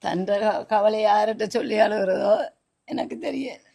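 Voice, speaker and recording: A woman's voice: mid-range voice, a little slow, creaky, warm tone. A middle-aged woman with a Sri Lankan Tamil accent, a mother earnestly and plaintively describing her family's hardship at home. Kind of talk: emotional personal account.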